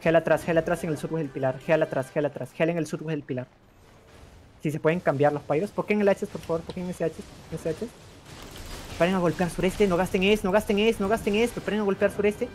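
A man calling out rapid, repetitive battle commands to his team over voice chat. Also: fairly high pitch, steady tone, darkish tone, slight background noise. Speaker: raid caller.

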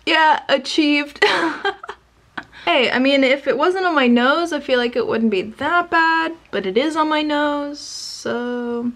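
A young woman vlogger chats casually, giggling often and making sarcastic jokes at her own expense. Her voice sits high with a fairly bright tone, and she takes it slowly.

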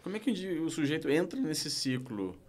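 A man's voice: a little high, sing-song, brisk, a little mellow. A man hosting a podcast, asking probing questions and offering short affirmations. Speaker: podcast host. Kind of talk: interview questions.

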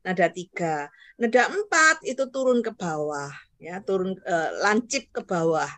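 A woman's voice: on the low side, animated, a little slow, fairly bright tone, dry recording. A woman teaching Hakka in an online class, patiently modeling tone syllables for learners to repeat and checking in with them often. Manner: keeps checking understanding with "ya".

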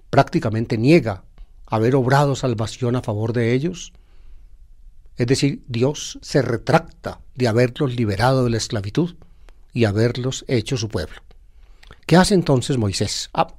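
A priest giving a sermon, reading a Bible passage aloud and then explaining it to his listeners, with pauses and hesitant fillers. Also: mid-range voice, darkish tone. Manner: addresses listeners directly.

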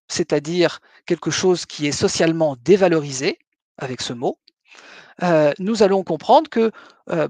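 A middle-aged man giving a webinar lecture, measured and hesitant, with frequent fillers between phrases. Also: high-pitched, no room sound.

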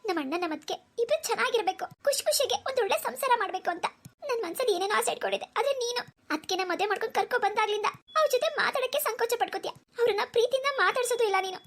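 A woman's voice: very high-pitched, very fast, a bit bright. A woman voicing a young woman in a cartoon, an emotional younger sister pleading through tears. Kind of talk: cartoon voice acting.

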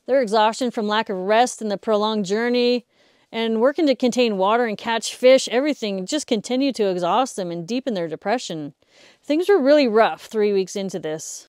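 A middle-aged woman telling a true story to camera in a casual, lively way, with a lapel mic, in front of a woodpile. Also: fairly high pitch, dry recording. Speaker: host. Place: indoors in front of a stacked woodpile.

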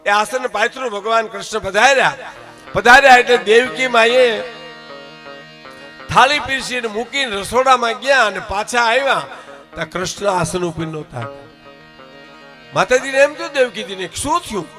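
A folk storyteller, a man with a bright and ringing voice, carries his devotional tale with dramatic, emotional swings. Soft instrumental music plays behind him on stage. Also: extremely high pitch, normal speed, long pauses. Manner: dramatic, emotional, shifting between voices of characters.

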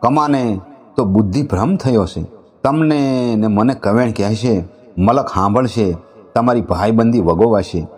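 A man's voice: on the low side, unhurried, a little mellow. A man voicing a loyal, protective village man who reassures his sworn sister in a folk tale. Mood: earnest.

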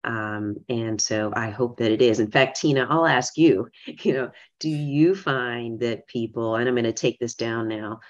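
A woman's voice: extremely low pitch, a little slow, lo-fi sound. A woman executive giving a conference presentation remotely, speaking conversationally and often adding "right?" to her points. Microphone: remote video call audio.

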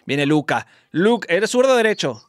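Mexican guy streaming, high lively voice all over the place, teasing callers, quick play by play, dry close mic. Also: no echo. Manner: excitable, teasing, rapid play-by-play. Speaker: streamer host calling followers. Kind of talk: lively live-stream phone game commentary.

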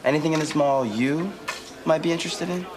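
A man's voice: a little high, a little fast, heavy background noise, close to an everyday voice. A young actor playing a short, earnest teen boy, a bit hesitant and touchy, in a sitcom. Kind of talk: sitcom acting. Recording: TV sitcom with loud laugh track and music. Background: loud audience laughter and music.

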